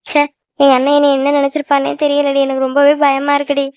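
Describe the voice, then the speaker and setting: A woman's voice: high voice, monotone, fast, dry recording, lo-fi sound. A woman voicing young women in a Tamil-language cartoon, in worried, confiding chatter.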